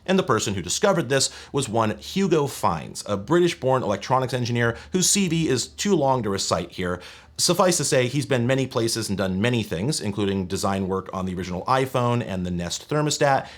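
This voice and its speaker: A man in his thirties hosts a tech history show, reading scripted narration in a conversational way with wry, casual asides. His mid-range voice is fairly quick with lively intonation.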